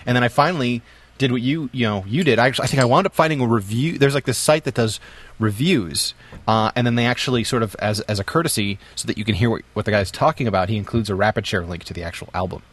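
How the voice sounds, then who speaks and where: A man's voice: medium pitch, quick pace, dry recording. A middle-aged man co-hosting a podcast, reminiscing in casual chat with jokes and lots of fillers. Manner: storytelling, joking, many fillers.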